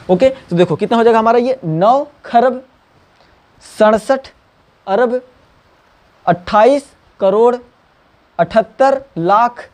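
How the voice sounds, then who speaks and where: A man teaching math, coaxing students and repeating number names slowly. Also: sits high, darkish tone. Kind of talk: classroom lesson.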